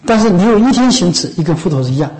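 Casting note: male monk, fairly high-pitched, chatty dharma talk to lay followers, keeps checking that they follow along. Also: expressive, very fast, a little mellow, poor audio. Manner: conversational, often asks "知道吗？" and "是不是？"; coughs now and then, a few restarts. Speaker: Buddhist monk teacher.

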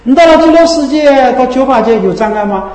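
High-voiced man preaching in an echoey hall. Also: expressive, brisk. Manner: keeps asking rhetorical tag questions; drops low and soft on the tag questions. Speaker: Buddhist teacher. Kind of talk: Dharma sermon. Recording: echoey hall with long reverb.

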